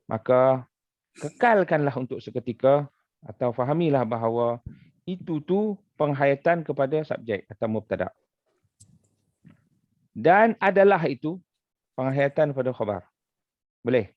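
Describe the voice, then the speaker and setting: A man's voice: mid-range voice, animated, measured pace, pauses often, no room sound, dull audio. A man with a Malaysian accent teaching an Arabic grammar lesson as a religious teacher, patiently explaining with repeated examples.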